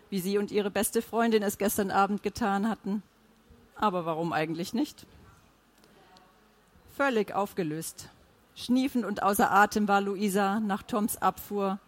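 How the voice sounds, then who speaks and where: Woman, audiobook narration, measured, even storytelling. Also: mid-range voice. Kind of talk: scripted narration.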